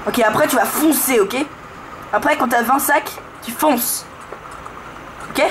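A woman giving casual, excitable horror game commentary, urging the player on. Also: a little slow. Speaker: gaming video host. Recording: noisy room, low-grade camera audio.

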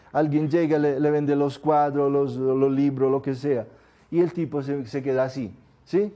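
Male lecturer, slightly high mellow voice, lively, acts out examples for the crowd. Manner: lively, asks the audience rhetorical questions. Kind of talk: live lecture to an audience.

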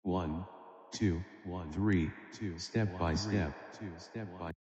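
A man counting slowly in a measured chant, run through a digital echo effect that repeats his words. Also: sits low, steady tone, darkish tone. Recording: long reverb, dull lo-fi sound.

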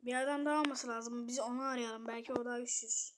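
A young woman casually commenting on her gameplay, muttering to herself and then shouting at opponents. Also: a little high, fairly even intonation, quick pace, background noise. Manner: chatty, swings between muttering and loud outbursts at opponents. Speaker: gamer streamer.

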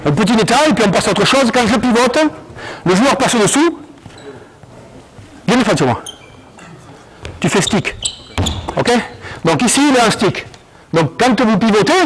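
Animated man coaching on court. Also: high-pitched, a little hiss or hum, poor audio. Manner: animated, commanding, calls out drills. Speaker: basketball coach. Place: indoor gym.

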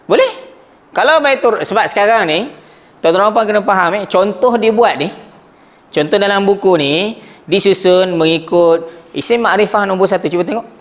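Male language teacher, high pitch, lively classroom lecturing, keeps checking the class follows. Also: moderate pace. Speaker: Arabic grammar teacher.

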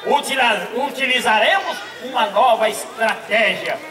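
High-pitched pompous inventor doctor. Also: male voice, moderate pace. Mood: solemn pride. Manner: grandiose, theatrical announcing. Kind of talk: amateur children's stage play. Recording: echoey, reverberant distant stage with crowd.

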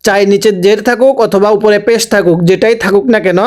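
Smooth-voiced man teaching Quran recitation. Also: sits high, steady tone. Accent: Bangladeshi Bengali. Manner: slow, drawn-out recitation of syllables, with instructions in between. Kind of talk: spelling-based Quran recitation lesson.

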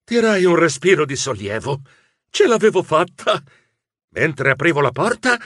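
A man narrating a children's audiobook in first person as a nervous mouse writer, in an expressive storytelling voice. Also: a little high, slight background noise.

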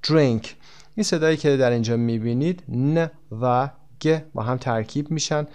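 A man teaching an English textbook lesson, explaining quickly and then saying the example phrases slowly and clearly. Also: mid-range voice, a little mellow. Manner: switches between quick explanations and slow, stretched-out example phrases.

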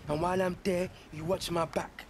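A commanding young gang leader, played by a man, gives orders in a fairly high voice. He is insistent and direct. Outdoor noise with birds sits clearly behind him. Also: level tone, moderate pace, lightly acted. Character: young male gang boss giving orders.

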